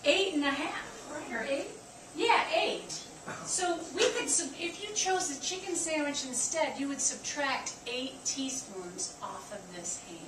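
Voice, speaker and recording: A woman dietitian giving a lively nutrition talk to staff, counting aloud and quizzing her listeners. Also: sits high, unhurried. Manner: chatty, counts aloud and asks the audience questions. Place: staff meeting room. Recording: echoey room, from far off, noisy.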